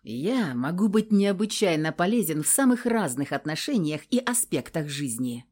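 A woman's voice: deep voice, sing-song, normal speed, a little mellow, slightly rough, exaggerated voice. A woman voicing a cocky young male warlock who talks smugly and without a care, in a read-aloud story. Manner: smug, drawling, unbothered.

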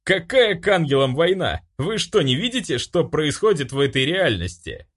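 A man reading an audiobook voices a wary male demon duke of hell who speaks formally and then jeers and shouts. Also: medium pitch, expressive, moderate pace. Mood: jeering.

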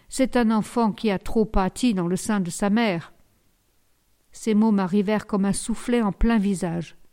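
A woman narrating a novel in the first person as an audiobook, in a measured, sober way. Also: a little high, warm tone.

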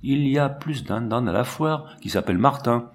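A man narrating a classic adventure story in a lively, expressive reading style. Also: mid-range voice, normal speed. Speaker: audiobook narrator.

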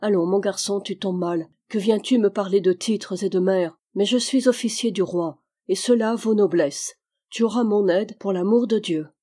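A woman's voice: medium pitch, normal speed, warm tone, close to an everyday voice. A woman reading the part of a frank, cheerful young army captain in an audiobook.

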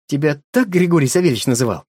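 A man puts on an eager young village boy for an audiobook, raising his voice high above his own. The boy calls out, pleads and exclaims with a bouncy, lively melody. The sound is dry and close. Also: fast, husky, no echo. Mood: wondering. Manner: excited, calling out and pleading. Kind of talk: audiobook character voice.

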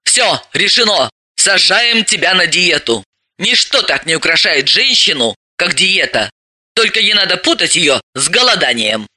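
A man's voice: sits high, big pitch swings, unhurried, bright, forceful tone, no room sound, exaggerated voice. A man voicing a bossy, sardonic woman who gives orders and mocks. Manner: commanding, mocking.

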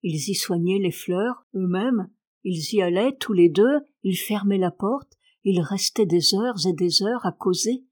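A woman narrating a classic novel as an audiobook, in a calm, measured reading style. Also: mid-range voice. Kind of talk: scripted literary narration.

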